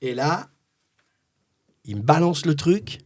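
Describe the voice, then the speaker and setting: A middle-aged voice-over man spinning a tale with theatrical flair, his voice swinging widely in pitch. The tone is slightly husky, close-miked and dry, with no room sound. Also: slow, no echo. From France. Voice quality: expressive, theatrical storyteller. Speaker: voice-over artist telling his story as a guest. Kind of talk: animated anecdote-telling, acting out dialogue.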